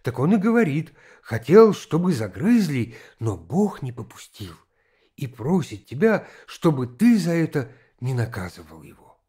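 A man voicing a gentle, worried noblewoman mother in an audiobook reading, speaking softly and pleadingly. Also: a little high, sing-song, a little slow, slightly rough, exaggerated voice. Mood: concerned.

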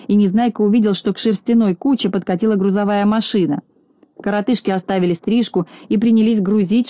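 Brief: woman narrator, storybook reading, mellow low-bright voice, dry close sound. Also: no room sound. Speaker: audiobook narrator.

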